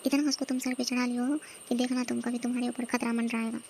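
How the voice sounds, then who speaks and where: A woman voices a cartoon's sharp-tongued mother-in-law. She speaks firmly and scolds in a fairly high, flat voice, with light noise behind it. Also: quick pace, vocal fry. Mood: scolding. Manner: firm and scolding. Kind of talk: cartoon comedy voice acting.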